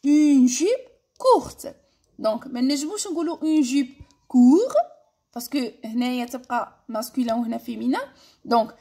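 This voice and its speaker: A woman with an Algerian accent teaching French grammar in a classroom-style lesson, switching between French and Algerian Arabic. She slows down to dictate example words and repeats them carefully. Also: high-pitched, a little mellow.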